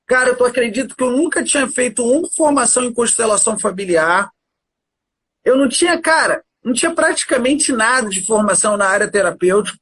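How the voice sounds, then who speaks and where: A man chatting as a guest on a livestream, telling a story in an animated, casual way and often addressing the listener as "cara". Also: very high voice, a little fast, slight background noise. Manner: animated, keeps saying "cara".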